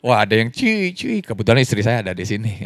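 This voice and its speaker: A man preaching a lively sermon as pastor, in an online church service, joking and laughing with the congregation. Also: quick pace, no echo, faint music behind. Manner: animated, wide pitch swings, jokes and laughs.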